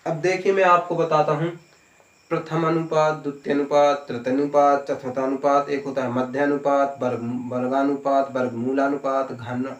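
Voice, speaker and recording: A man's voice: medium pitch, flat delivery, moderate pace, highs cut off. A man teaching an exam-prep maths lesson, explaining step by step and asking questions before answering them himself. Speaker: maths tutor. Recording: echoey room.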